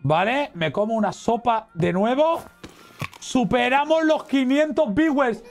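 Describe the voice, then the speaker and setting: A man with a Spain Spanish accent giving excitable, exclamatory let's play commentary as a gaming streamer. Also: extremely high pitch, unhurried, soft background music. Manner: excitable, exclamatory, cheering and reading chat aloud.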